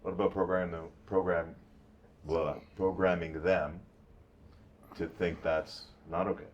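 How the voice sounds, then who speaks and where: A man with a very low, deep voice talks in a relaxed podcast conversation. He is blunt and swears freely, with no softening of his opinions. He speaks as a business owner sharing his views. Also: measured pace, dull audio, slight background noise. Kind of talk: casual podcast chat.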